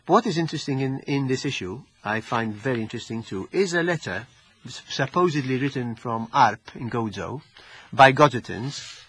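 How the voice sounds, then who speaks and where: A man's voice: medium pitch, expressive, normal speed, fairly bright tone, breathy edge, dry recording. A man with a Maltese accent speaking as an interviewed researcher in a scholarly discussion, often repeating and rephrasing his words as he goes.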